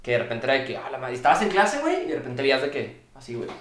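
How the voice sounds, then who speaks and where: Young man, Mexican accent, casual chat, very lively pitch, animated slangy delivery. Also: very fast, echoey room. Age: young adult. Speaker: guest.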